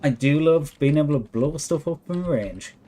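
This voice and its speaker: Higher-pitched man chatting on a game stream. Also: lively intonation, moderate pace, dark tone, slight background noise. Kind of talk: casual livestream chat while gaming.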